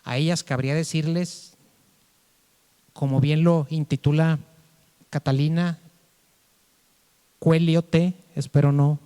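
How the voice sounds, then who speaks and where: A man giving a formal, measured speech at a book presentation, with some hesitant restarts. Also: on the high side, warm tone, smooth, in a large hall. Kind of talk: formal speech read aloud.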